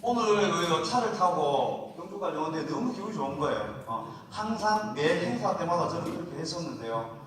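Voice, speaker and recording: A man speaking in a Korean regional accent leads a motivational seminar in a big lecture hall, chatting folksily and often calling for audience responses. His voice is fairly high and animated, at a normal pace with few pauses. A crowd is audible behind him, and the distant mic picks up the hall's echo.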